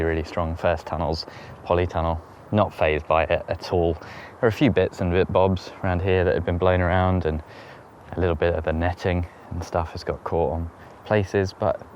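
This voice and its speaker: A man's voice: low-pitched, a little mellow, a little hiss or hum. A man walking round his allotment, talking casually to camera with wry, self-mocking humour. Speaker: allotment vlogger. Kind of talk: casual walk-and-talk. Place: outdoor allotment garden.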